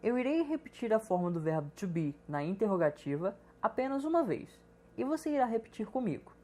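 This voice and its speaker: A woman, teaching English in a recorded video lesson with clear, instructive speech. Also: medium pitch, sing-song, a little fast, warm tone.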